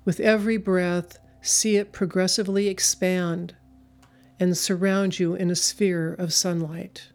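A woman leading a guided meditation in a slow, soothing, hypnotic way, with long pauses between phrases. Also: fairly low pitch, level tone, a little mellow. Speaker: spiritual speaker and meditation leader.

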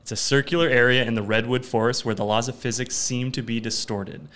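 Żartobliwy współprowadzący o średnim głosie. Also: male voice, medium pitch, fairly even intonation, fairly quick, a bit bright. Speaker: podcast co-host. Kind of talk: casual podcast chat.

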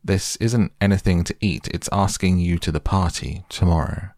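A man's voice: low-pitched, normal speed, a little mellow, no room sound, studio quality. Man doing a fussy owl, raised and emphatic. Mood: fussy, insistent. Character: fussy, pompous, impatient male owl.

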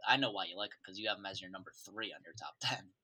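A man's voice: deep voice, racing, sharp tone, slightly rough. A man co-hosting a casual sports podcast, teasing his partner and giving loose, opinionated takes. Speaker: podcast co-host.

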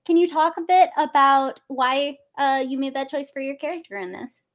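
A woman's voice: high voice, moderate pace. A woman hosting a podcast, asking her guest questions in a playful, casual way. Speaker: podcast host. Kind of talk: casual interview.

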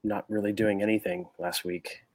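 A man's voice: fairly low pitch, flat delivery, moderate pace, darkish tone, no room sound. A man hosting a casual sports podcast, talking in a loose, tipsy ramble. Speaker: podcast host.

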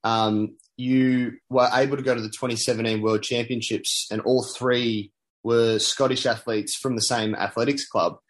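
A man's voice: medium pitch, little pitch movement, normal speed. A man hosting an interview, asking questions in a hesitant way with many fillers and restarts. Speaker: interviewer, host. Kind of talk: casual interview.

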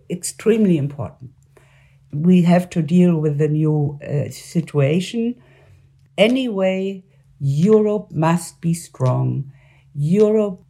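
An older woman with a German accent gives interview answers on politics. Her voice is husky and fairly mellow, and she moves slowly, often hunting for the next word in a language that is not her native German. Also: sits low. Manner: halting, searching for words in a second language. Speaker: former member of parliament, interview guest.

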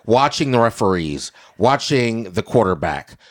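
A podcast host with a very deep, slightly raspy voice keeps the chat loose and playful, telling stories with animated repetition. He talks a little slowly.

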